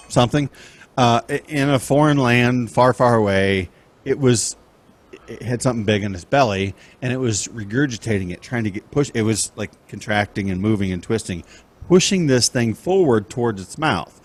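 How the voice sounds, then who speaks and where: A man's voice: mid-range voice, normal speed. A man hosting a talk show with crude, joking, casual banter. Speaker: show host.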